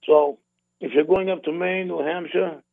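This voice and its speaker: A man's voice: on the high side, fairly even intonation, moderate pace, vocal fry, no room sound. A man from the Boston area hosting a radio show, chatting casually in a rambling way with repeated words and restarts. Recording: narrow phone-like radio sound, dry.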